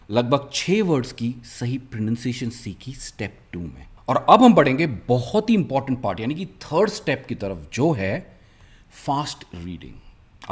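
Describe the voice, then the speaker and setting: A man teaching a spoken English lesson, drawing out each model word slowly and coaxing his viewers to repeat after him. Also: mid-range voice. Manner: slow, stretched-out model pronunciations of words; lively, coaxing teacher's delivery.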